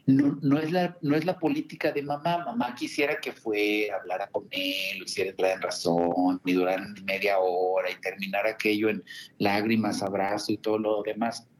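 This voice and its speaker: A man's voice: lowish voice, steady tone, moderate pace. A man, working as a family counselor and speaking as a guest on a radio talk show. He tells stories in a chatty way, with many asides and tag questions.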